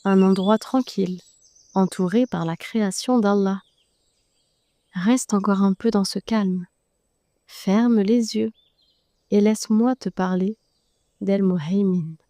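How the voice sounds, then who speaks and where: Gentle, mellow-voiced woman guiding meditation. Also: mid-range voice, fairly even intonation, dry recording, clean studio sound. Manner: slow, gentle and soothing, speaks directly to the listener. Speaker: guided meditation narrator. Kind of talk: soft guided meditation narration.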